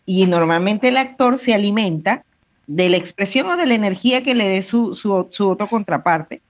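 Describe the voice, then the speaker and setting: A woman, co-hosting a podcast, expressive and thinking aloud. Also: medium pitch, normal speed. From Venezuela. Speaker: podcast co-host, trained actress. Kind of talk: casual podcast chat. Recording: dull lo-fi audio.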